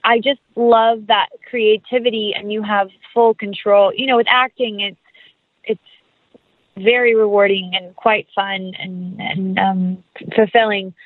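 Speaking at an unhurried pace in a level, mid-range voice, this woman is an actress and writer being interviewed. She talks about her creative projects in a relaxed, gushing, enthusiastic way, and the audio is echo-free but thin, like a phone line.

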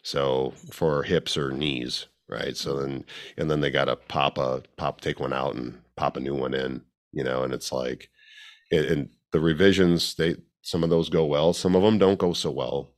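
Man, very low voice, casual chat, rambling, lots of restarts. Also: fairly even intonation, normal speed. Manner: rambling, many restarts and fillers. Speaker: podcast co-host, fitness coach.

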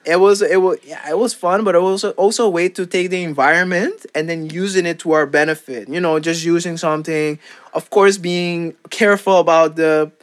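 A man's voice: on the high side, steady tone. Rambling young man from Curaçao. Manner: rambling, halting, full of fillers and restarts. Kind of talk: casual chat.

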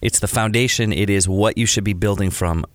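Low male podcast co-host, earnest explainer, dry close sound. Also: brisk, dry recording. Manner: earnest, explaining, agreeing often. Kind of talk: casual chat.

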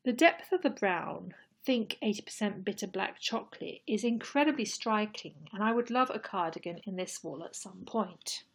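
Podcast host, woman, breathy tone, thoughtful and sincere delivery. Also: medium pitch, lively intonation. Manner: measured, thoughtful, earnest. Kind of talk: scripted solo podcast talk.

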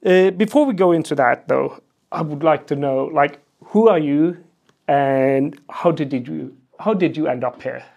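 A man's voice: fairly high pitch, a little slow, creaky, darkish tone. A man hosting a podcast interview in a festival booth and asking questions in a casual, easygoing way. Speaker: podcast host.

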